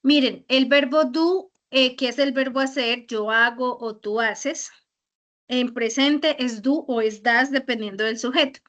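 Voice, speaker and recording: A woman with a high voice teaches English grammar online and walks through verb forms patiently. She leans on repeated examples. The audio is a bit dull and lo-fi. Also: fairly even intonation, a little slow, fairly bright tone.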